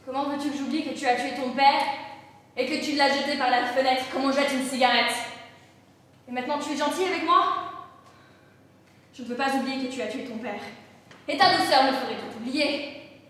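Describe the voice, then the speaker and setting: A distraught mother torn between fury and grief, played by a young woman on a school stage. Her voice sits high and she bursts into shouting, then sinks to a near murmur. The sound comes from far off in a hall with a long, booming echo. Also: moderate pace, long pauses. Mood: grieving, hushed. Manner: swings from shouted rage to hushed grief. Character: anguished middle-aged mother of a murderer. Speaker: stage actor. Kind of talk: live school stage play. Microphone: distant room mic. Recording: echoey hall recorded from far off.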